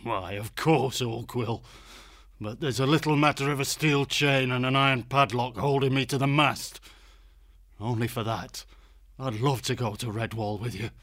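A big young badger, put on by a male narrator, speaks hoarsely and slowly, with dry wit. His voice sits a touch above the narrator's, plain and close. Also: mid-range voice, expressive, fairly bright tone, no echo, pitched above the performer's own voice, full character voice. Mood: ironic. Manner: slow, earnest, wryly ironic. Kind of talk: audiobook character voice.

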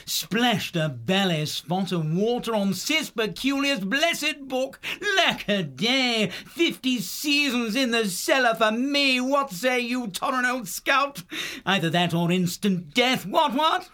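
A man's voice: extremely high pitch, lively intonation, takes it slowly, pushed and bright, voice pushed up, full character voice. A man voicing a boisterous young male hare with quaint, blustering old-fashioned speech. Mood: mock dramatic. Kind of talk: audiobook character voice.

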